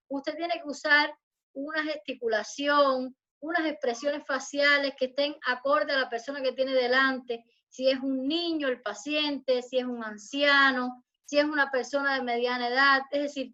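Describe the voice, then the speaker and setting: A woman lecturer giving an online university class, explaining in a measured way and addressing her students formally. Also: high-pitched, pushed and bright, highs cut off. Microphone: video call.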